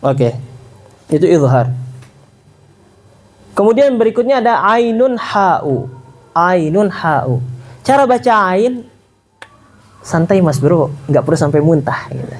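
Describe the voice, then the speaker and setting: A man giving a casual tajwid lesson, quizzing his listeners and sounding out letters slowly. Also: high voice, slight background noise. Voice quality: animated, quizzing the audience, demonstrating sounds slowly. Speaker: Quran recitation teacher.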